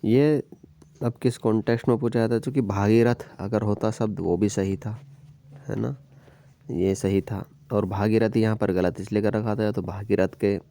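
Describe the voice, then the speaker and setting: Male tutor, low mellow voice, exam-prep language lesson, steady explanatory delivery with frequent check-ins. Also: moderate pace. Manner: explains step by step, repeats "ठीक है" and "याद रखिएगा". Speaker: teacher.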